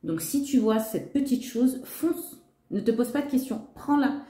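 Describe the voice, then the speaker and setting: Her voice sits a little high and mellow, with lively intonation and a moderate pace, as she chats directly to viewers in a relaxed shopping-haul vlog. She's gushing and enthusiastic, leaning on "trop" and "magnifique." An echoey room surrounds her.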